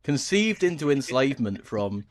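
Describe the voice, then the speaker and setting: A man's voice: medium pitch, sing-song, moderate pace. A man co-hosting a podcast, telling rambling, profane, wry anecdotes in casual chat. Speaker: podcast co-host.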